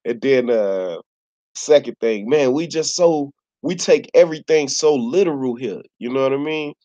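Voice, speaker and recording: A man's voice: mid-range voice, moderate pace, warm tone. A man from Chicago with a Chicago accent, talking casually to camera in a slangy, laid-back storytelling way. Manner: laid-back slangy storytelling, many "you know what I'm saying". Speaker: YouTuber. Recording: slightly dull lo-fi recording.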